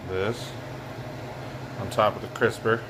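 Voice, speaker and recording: A man's voice: lowish voice, fairly even intonation, takes it slowly. A man talking casually through his home cooking in a giggly, loose, tipsy ramble. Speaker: home cook recording a cooking video. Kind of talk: casual cooking vlog talk. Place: home kitchen, indoors. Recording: clear background hum of air conditioning.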